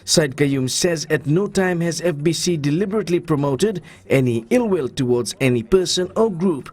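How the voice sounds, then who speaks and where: A male news reporter delivers scripted narration. His voice is distinctly high-pitched for a man. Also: animated, moderate pace, darkish tone.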